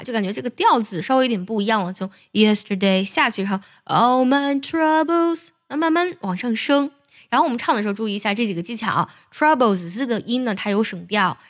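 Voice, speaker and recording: Woman song teacher, calm and measured, middle pitch, soft music way in the back. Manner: patient, measured, many soft sentence-final particles. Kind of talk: explaining lyrics and singing technique.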